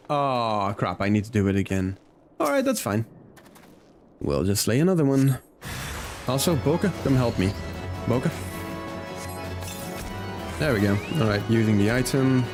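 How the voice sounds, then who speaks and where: Over music, a game streamer with a medium-pitched, sing-song voice chats casually with viewers at a moderate pace, pausing often. He is friendly, addresses the chat directly and thinks aloud as he plays.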